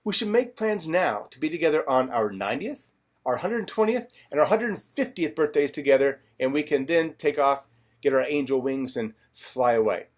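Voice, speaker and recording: A man's voice: a little high, expressive, normal speed. A middle-aged man telling a friend stories from their past in a personal video message, acting out what people said along the way. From California. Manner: warm storytelling, reminiscing, acts out quoted lines. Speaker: financial advisor.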